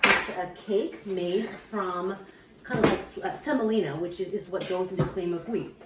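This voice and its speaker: In a fairly low voice at a moderate pace, a woman from Burma explains a family cooking activity to her kids' classmates. She's warm and chatty, using plenty of fillers, in a casual home video shot in her kitchen. The far-off camera picks up echo and noise.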